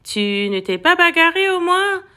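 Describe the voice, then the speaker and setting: A woman voicing an eager, fussing male family dog in a storybook reading, with a lowered voice. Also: very animated, unhurried, sharp tone, heavily acted. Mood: doting.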